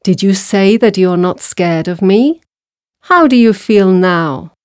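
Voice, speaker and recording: A woman voicing a huge male lion in a storybook, asking slow, teasing questions. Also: mid-range voice, lively intonation, no echo, clean studio sound. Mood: mocking. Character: huge dangerous male lion, gruff and mocking.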